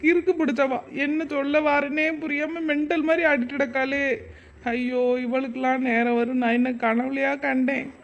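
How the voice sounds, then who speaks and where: A woman's voice: sits high, flat delivery, normal speed, dull audio. A woman voicing a young village wife with a fish bone stuck in her throat, muttering bitter asides. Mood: irritated.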